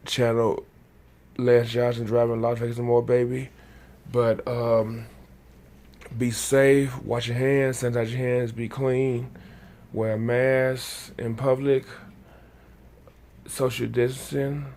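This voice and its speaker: Sleepy guy rambling on his vlog, mellow dark voice, lots of uh and restarts. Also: medium pitch, little pitch movement. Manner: halting, many restarts and fillers. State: sleepy, just woke up. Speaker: vlogger. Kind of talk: reading news then casual talk to camera.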